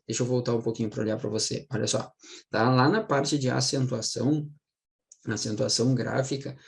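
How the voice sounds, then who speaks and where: Gravelly male teacher, chatty. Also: medium pitch, a little mellow. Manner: chatty, keeps checking in with "tá?" and "né?"; slows down and stresses words to explain them. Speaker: Portuguese teacher for exam prep. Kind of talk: casual recorded online lesson.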